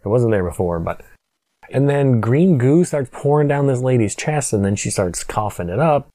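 A man's voice: medium pitch, lively intonation, moderate pace, dark tone, no room sound. A man co-hosting a podcast, recapping a horror movie in casual chat with a wry tone and frequent laughs. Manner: wry, laughs often while recapping scenes. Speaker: podcast co-host.

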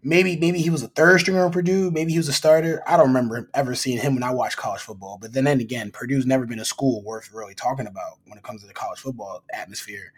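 Male sports podcast co-host, husky, teasing and rambling. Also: mid-range voice, steady tone, quick pace, hardly any pauses. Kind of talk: casual sports chat.

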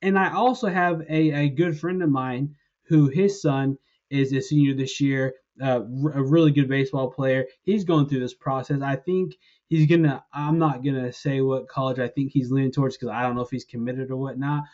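A man's voice: mid-range voice, fairly even intonation, moderate pace, a little mellow, lo-fi sound. A man hosting a sports podcast, giving his opinions and walking through examples step by step in a casual chat. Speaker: podcast host.

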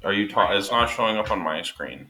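A man's voice: on the low side, expressive, a little fast. A man calling in to a podcast over a glitchy video call, confused and checking whether he can be heard. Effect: heard through a glitchy video call. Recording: echoey, noisy video-call line.

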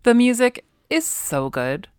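A woman's voice: on the high side, big pitch swings, slow, clean tone, dry recording, studio quality. A woman co-hosting a podcast, chatting casually with playful, enthusiastic asides. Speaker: podcast co-host. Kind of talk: casual chat.

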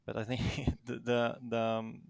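Casting: male interviewee, Danish accent, fry-edged delivery, close dry sound, modest and hesitant. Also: mid-range voice, completely flat delivery, unhurried, a little mellow, no room sound. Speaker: interviewed tournament champion. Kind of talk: casual interview answers.

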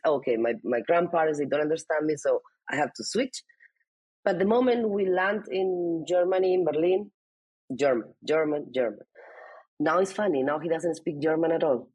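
A Spanish woman whose first language is Spanish talks casually in an interview about her family as a mother. Her low, dark voice has a breathy edge, and she restarts often and says "I mean" a lot. The recording is rough and dry, with no room sound.

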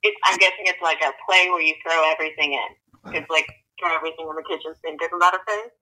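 A woman's voice: low-pitched, fairly even intonation, fast, pushed and bright, low-quality recording. A woman calling in on speakerphone as a podcast guest, guessing aloud in casual chat. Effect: speakerphone call. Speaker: phone-in guest.

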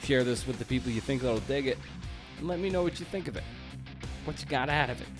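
A podcast host with a mid-range voice talks fast and animatedly over background music. He opens the show and interviews in a punchy, emphatic style, tossing in playful exclamations.

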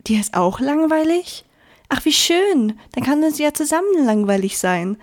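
A woman's voice: high voice, measured pace, gravelly, a little mellow. A woman voicing a sad, lonely sun. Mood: delighted. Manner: sighing, self-pitying.

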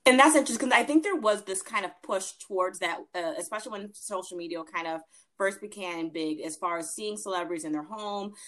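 Chatty woman host, mid-pitched voice. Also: fairly quick, fairly bright tone. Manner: informal, chatty. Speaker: interviewer, host. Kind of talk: casual conversational interview.

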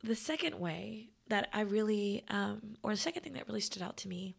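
Hoarse and losing her voice, this podcast host still has lively intonation at a medium pitch. She reflects casually in a raspy, broken half-whisper.

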